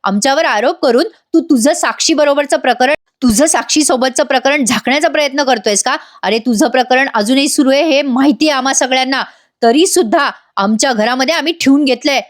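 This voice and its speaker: An indignant young wife who scolds sharply and stands her ground, voiced by a woman. The voice is high, and the tone stays reproachful. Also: fairly quick, lightly acted.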